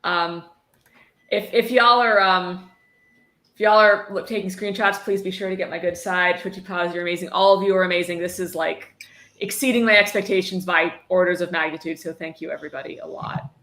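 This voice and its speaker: Speaking a little fast in a lowish, steady, slightly bright voice, a woman hosts a livestream where she reads a book aloud for charity. Her chat is casual, laced with sardonic commentary and unrestrained swearing. The audio sounds roomy and echoey.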